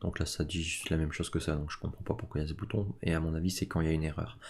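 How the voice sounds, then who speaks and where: A man casually talking through a screen-recorded software tutorial, filling his talk with little fillers. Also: extremely low pitch, flat delivery, rapid-fire, vocal fry, breathy edge. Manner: casual, full of "donc" and "hein" fillers. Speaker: tech tutorial host.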